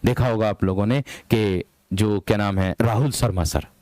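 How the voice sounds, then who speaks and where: Slow-talking young Hindi teacher, firm voice. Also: male voice, on the low side, a little mellow, no room sound. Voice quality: firm, hard-edged voice. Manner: repeats phrases, addresses students as "my brave one"; deliberately slow, drawn-out delivery. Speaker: Hindi teacher for police exam prep. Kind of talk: live online class, casual teaching.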